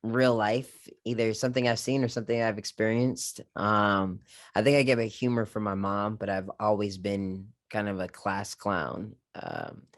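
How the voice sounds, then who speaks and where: Laid-back man with a low voice. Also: animated, moderate pace. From Japan. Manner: casual, easygoing storytelling with lots of fillers. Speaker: guest content creator. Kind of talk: relaxed podcast conversation.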